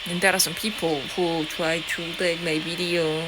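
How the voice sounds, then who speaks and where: This woman, who has a Korean accent, speaks at a moderate pace in a lowish voice as she rambles defiantly to viewers with swearing, fillers, and restarts. A loud, steady background noise runs under the recording.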